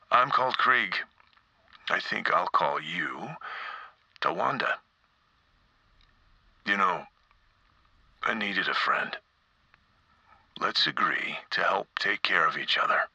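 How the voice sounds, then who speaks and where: A man's voice: medium pitch, sharp tone, dry recording, lo-fi sound, full character voice. A man voicing a sane, kind-hearted but weary character in a video game, earnest and conversational.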